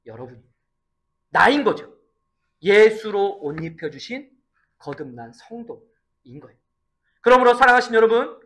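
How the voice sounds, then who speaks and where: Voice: medium pitch, bright, forceful tone. A pastor giving a Sunday sermon, emphatic in the preaching but chatty when telling stories. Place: church service in a rented space.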